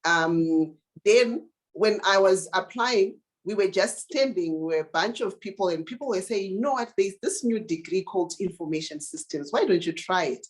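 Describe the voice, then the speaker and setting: A woman's voice: mid-range voice, normal speed. A young woman from Zimbabwe, a digital marketing consultant, tells her life story in an interview, earnest and full of fillers and restarts. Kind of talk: interview answers, personal story.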